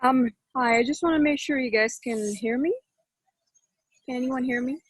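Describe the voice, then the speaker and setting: A woman's voice: high voice, normal speed, husky, no echo. Woman on a video call with uneven, dropping volume. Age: young adult or middle-aged. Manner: hesitant, many fillers and restarts. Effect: uneven volume, audio cutting in and out. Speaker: panel participant. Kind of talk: casual group discussion.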